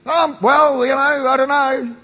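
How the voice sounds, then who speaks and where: Guy preaching, really high husky voice, kiwi accent gone a bit aussie, folksy and emphatic, big echoey hall. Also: little pitch movement, a little slow, sharp tone. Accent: New Zealand softened by Australian. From New Zealand. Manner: emphatic, folksy, jokey asides. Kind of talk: sermon. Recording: echoey hall with long reverb.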